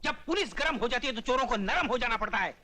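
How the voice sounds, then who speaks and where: Scheming sidekick, boastful, theatrical, piercing bright tone. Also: male voice, very high-pitched, animated, fast, heavily acted. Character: scheming, know-it-all adult male sidekick. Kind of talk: dubbed film dialogue.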